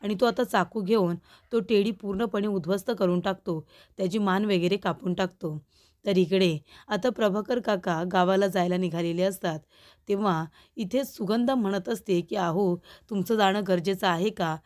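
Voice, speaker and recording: A woman's voice: medium pitch, moderate pace. A woman narrating a TV serial recap, telling events and reading every character's lines herself. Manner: steady narration, reads all characters' lines.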